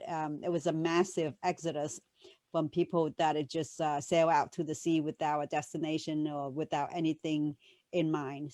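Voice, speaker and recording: A woman's voice: sits low, a little mellow, no echo. A woman from Vietnam co-hosting a casual talk show, chatty and joking, with laughs between her lines. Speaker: co-host.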